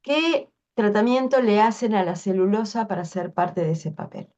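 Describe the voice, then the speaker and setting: A woman's voice: medium pitch, expressive, moderate pace, a little mellow, muffled recording. A woman, answering workshop questions on a video call in a frank, explanatory way. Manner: frank, explanatory, thinks aloud with restarts. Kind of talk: casual online Q&A.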